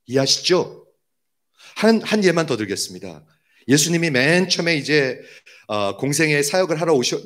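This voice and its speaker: A man preaching a sermon as a pastor, emphatic, often asking the congregation rhetorical questions. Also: medium pitch.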